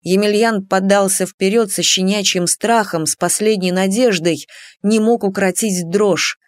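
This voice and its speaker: A woman reading a novel aloud as an audiobook, in a measured, unhurried manner. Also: medium pitch, fairly even intonation, dry recording. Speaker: audiobook narrator. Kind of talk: scripted narration.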